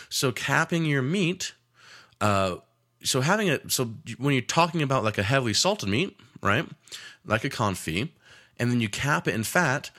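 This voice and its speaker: Male chef-teacher, deep and forceful tone, casual, filler-heavy delivery with wry asides. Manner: casual, rambling with frequent fillers; joking asides. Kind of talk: cooking lesson.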